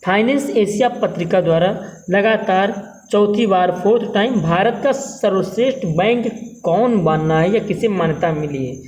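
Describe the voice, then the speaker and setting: A man's voice: high-pitched, moderate pace, darkish tone, poor audio. A man teaching exam-prep current affairs as a lecture, repeating each question and tagging lines with "theek hai", in a North Indian Hindi accent.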